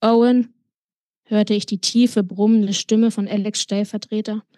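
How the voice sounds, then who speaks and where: A woman's voice: medium pitch, flat delivery, normal speed, mellow, no echo. Woman author reading dry and close. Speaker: author reading her novel. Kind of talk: audiobook-style reading.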